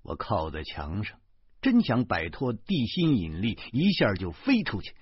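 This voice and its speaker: A man's voice: fairly low pitch, huge pitch swings, a little slow, slightly rough, dry recording. A man with a Beijing accent reading a first-person novel aloud, animatedly acting out the dialogue. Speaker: audiobook narrator. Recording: dry dull lo-fi recording.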